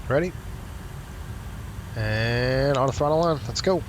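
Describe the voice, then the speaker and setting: A man's voice: medium pitch, slow pace, low-quality recording. A man speaking as an airline pilot, giving takeoff callouts and radio calls in clipped, procedural phrases. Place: aircraft cockpit. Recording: cockpit recording with vehicle noise.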